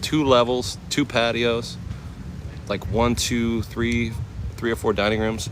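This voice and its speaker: An American chef and livestreamer in his forties, from the West Coast, walks outdoors through a temple complex telling stories to live viewers in relaxed, slangy talk. His mid-range voice keeps a level tone at a slow pace. Passing vehicles and noisy outdoor ambience fill the background.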